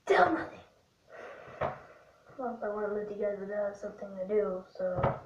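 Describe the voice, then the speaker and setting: A woman's voice: mid-range voice, little pitch movement, fast talker. A woman rambling casually to viewers in a homemade vlog recorded in a bathroom. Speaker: amateur video maker. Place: small bathroom at home. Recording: echoey bathroom, distant dull mic, faint noise.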